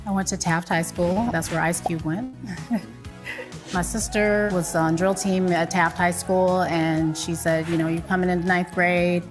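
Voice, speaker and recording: A woman raised in California, reminiscing about how she started dancing in a relaxed, reflective documentary interview. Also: fairly low pitch, a little slow. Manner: relaxed, reflective, laughs easily. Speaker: former dancer interviewee. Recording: music bed underneath.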